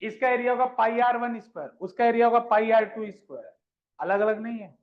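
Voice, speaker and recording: Guy teaching physics, kinda high voice, keeps asking the class stuff and repeating it, dull lo-fi sound. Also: fairly quick. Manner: asks questions and repeats them, coaxing pupils; addresses students fondly as children. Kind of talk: classroom lecture. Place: classroom with students.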